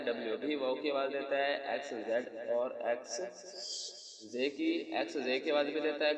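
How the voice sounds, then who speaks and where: A man teaching young children letter sounds in a patient, repetitive way, with a Pakistani accent. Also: mid-range voice. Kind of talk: phonics lesson for young children. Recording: echoey distant lo-fi room with crowd noise.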